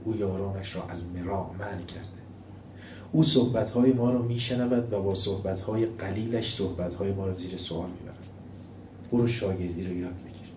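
A man preaching while voicing a calm, refined older male skeptic scholar who speaks quietly and without hurry. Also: low-pitched, roomy sound, distant mic, a little hiss or hum, pitched below the performer's own voice, close to an everyday voice. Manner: quiet, unhurried, measured.

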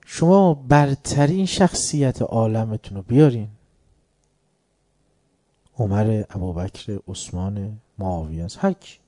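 A man giving a religious lecture, quoting Arabic phrases and explaining them, moving between quiet asides and loud emphatic declarations. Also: on the low side. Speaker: preacher.

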